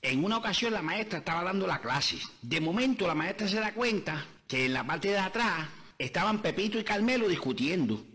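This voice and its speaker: A man with a Puerto Rican accent telling a string of jokes, quickly voicing the characters' lines as he goes. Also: high-pitched, animated, bright, forceful tone. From Puerto Rico. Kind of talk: joke telling.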